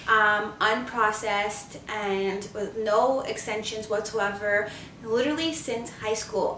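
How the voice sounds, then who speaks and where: A woman in her twenties from Canada, chatting to camera as a beauty vlogger in an upbeat, quick way. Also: a little high, sharp tone, slight background noise. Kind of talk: casual chat to camera. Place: living room or home office, indoors. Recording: roomy, slightly distant sound.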